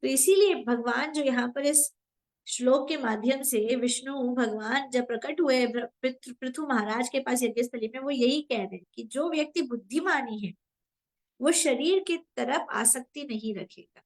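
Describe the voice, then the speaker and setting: A woman's voice: high-pitched, moderate pace, poor audio. A woman giving a devotional discourse as spiritual teacher to an online group, earnest and asking her listeners questions. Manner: earnest, asks the audience questions. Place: online live session.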